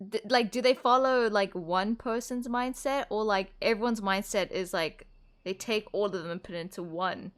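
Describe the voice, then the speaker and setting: A young woman streamer talks through a game in a casual let's-play, chatty and giggly, peppering her speech with "like." Her voice sits at a medium pitch and moves at a normal speed.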